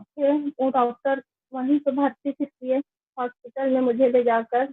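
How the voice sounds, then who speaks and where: A woman tells her own life story in a high, unhurried voice, in an earnest and plain way. The sound is tinny and phone-like, with a dry, close feel. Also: no echo. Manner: slow, earnest, plain recounting. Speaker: network marketing member giving a testimonial. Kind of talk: personal life-story testimony.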